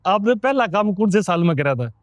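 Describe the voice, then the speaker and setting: A man's voice: sits high, big pitch swings, fairly quick, no echo. A man with a Haryanvi accent, asking a guest questions as a podcast host. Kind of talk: interview questions.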